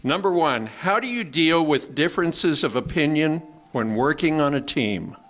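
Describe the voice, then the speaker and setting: A man's voice: on the high side, expressive, moderate pace, fairly bright tone. An older man moderating a forum, reading out questions in a casual, joking way.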